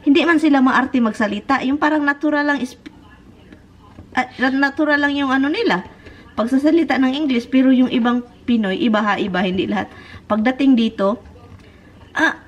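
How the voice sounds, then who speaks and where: A woman's voice: sits high, normal speed. A middle-aged woman from the Philippines with a Visayan accent, chatting casually and giggling as she vlogs at home. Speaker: vlogger. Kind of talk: casual chat to camera.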